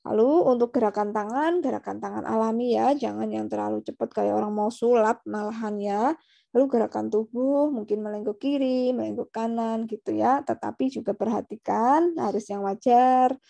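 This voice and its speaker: Woman lecturing on public speaking, kinda high voice with lots of fry, mellow tone, keeps checking in w listeners. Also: normal speed. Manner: explanatory, tags sentences with friendly "ya" checks. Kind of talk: online class lecture.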